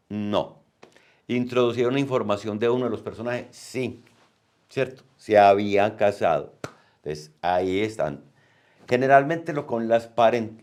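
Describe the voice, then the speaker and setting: Brief: man, very low voice, patient teacher walking students through a text. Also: a little mellow. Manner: explanatory, frequent "¿cierto?" checks. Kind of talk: explaining reading exam questions.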